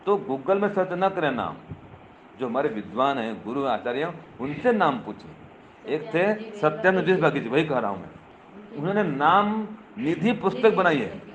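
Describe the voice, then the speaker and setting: An older man delivering a teaching sermon to a live audience. He keeps asking rhetorical questions and speaks to listeners directly. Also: on the high side. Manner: addresses listeners directly, teasing. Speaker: swami. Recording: dull lo-fi recording with faint ambience.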